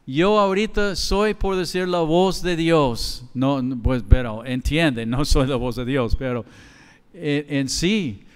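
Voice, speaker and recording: A middle-aged Mexican man preaches as pastor at an unhurried pace, in a fairly high and smooth voice. He talks conversationally and slips into quoted dialogue. His words trail through the long reverb of a large church hall. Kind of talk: sermon.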